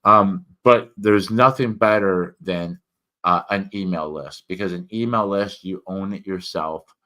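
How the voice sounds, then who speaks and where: A man with a very deep voice talks casually, as a host sharing opinions and updates. His words come slightly thick from a swollen mouth. He rambles haltingly, doubling back on words and correcting himself as he goes. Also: bright, forceful tone. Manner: halting, with repeated words and many self-corrections. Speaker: host, reviewer and writer. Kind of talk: casual, rambling spoken review and personal update.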